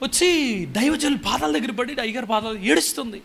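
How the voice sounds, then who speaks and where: A man with a Telugu accent preaching a sermon, leading the congregation into loud, fervent prayer. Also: extremely high pitch, a little fast, vocal fry, husky. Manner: fervent, rising to shouted prayer. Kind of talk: sermon with altar call.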